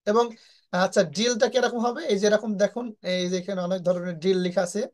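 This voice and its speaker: A woman's voice: mid-range voice, fast, a little mellow. A woman from Bangladesh, teaching an online English lesson step by step, often checking "right?" with her students. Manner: explains step by step, asks rhetorical questions, frequent "হ্যাঁ?" checks.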